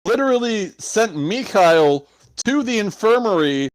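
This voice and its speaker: A man co-hosting a casual podcast, telling a tale slowly in a slightly high voice. He swears freely and laughs as he goes. The sound is close and dry. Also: animated, no room sound, poor audio. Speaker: podcast co-host. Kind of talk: casual storytelling chat.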